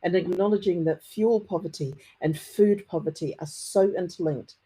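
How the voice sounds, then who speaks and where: A middle-aged conference speaker with a broad Kiwi accent and a soft, husky voice. The delivery is mellow and deliberate, explaining step by step, with a slight stutter now and then. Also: medium pitch, poor audio. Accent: broad New Zealand. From New Zealand. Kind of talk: conference presentation.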